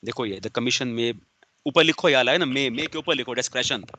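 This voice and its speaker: A man's voice: mid-range voice, normal speed, sharp tone, no room sound. A male business law lecturer, giving an online class, stern and sarcastic as he calls on students by name. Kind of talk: online lecture, scolding and explaining.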